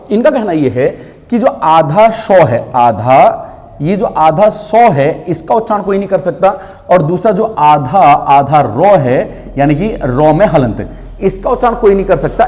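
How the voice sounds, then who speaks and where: A man teaching an online exam-prep class, answering students' doubts in an explanatory way and often checking that the point is clear. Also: fairly high pitch, a little mellow, big-room sound. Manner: explanatory, repeats "ठीक है" often.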